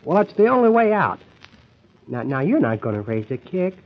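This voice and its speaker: An impatient, scheming husband in an old radio comedy, bossy and exasperated. His husky voice swings up and down as he cajoles and grumbles. The recording is dull and lo-fi. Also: a little high, very animated, normal speed. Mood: impatient cajoling.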